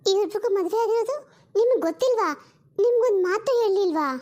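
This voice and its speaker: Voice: very high-pitched, fast talker, a little mellow. A performer voicing an assertive elder sister-in-law in a family drama. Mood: firm.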